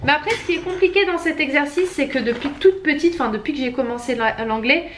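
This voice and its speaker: A woman's voice: high voice, fast, fairly bright tone, a little hiss or hum. A young adult woman, a student vlogger, chatting casually at home, hesitant and full of fillers. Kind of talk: casual chat to camera.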